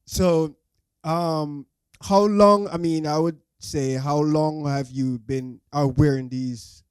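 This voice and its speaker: A man's voice: on the high side, fairly even intonation, takes it slowly, clear, resonant tone, dry recording. A man hosting a podcast interview, speaking hesitantly with many fillers and restarts. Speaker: podcast host. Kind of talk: casual interview.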